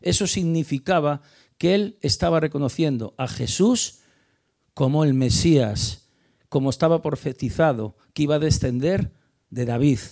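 A man delivering a sermon, his voice gravelly with fry and pitched a little high. He talks emphatically, rising to loud stressed words and sinking quiet again. He often stumbles and repeats words as he restarts a phrase. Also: normal speed. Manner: emphatic, builds to loud stressed peaks then drops quiet. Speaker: preacher. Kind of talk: sermon on a Bible passage.

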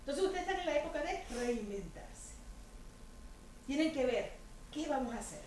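A woman's voice: sits high, lively intonation, moderate pace, darkish tone, slight background noise. A woman giving a chatty, humorous sermon to a women's group, often putting rhetorical questions to her listeners. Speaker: women's ministry speaker. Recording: echoey room with faint ambience.

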